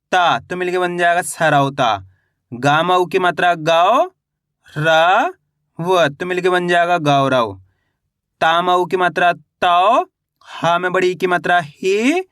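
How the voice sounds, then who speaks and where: A man's voice: high voice, a bit bright, clear, resonant tone, no echo, studio quality. A man teaching a step-by-step reading lesson, asking questions and answering them himself while drawing out each sound.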